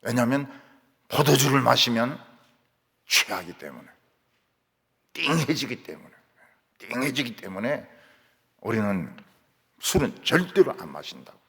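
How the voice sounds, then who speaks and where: Gravelly pastor with a Gyeongsang accent. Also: male voice, medium pitch, measured pace, long pauses. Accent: Gyeongsang Korean. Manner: animated storytelling, acting out quoted voices. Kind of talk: sermon. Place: church sanctuary. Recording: reverberant church hall.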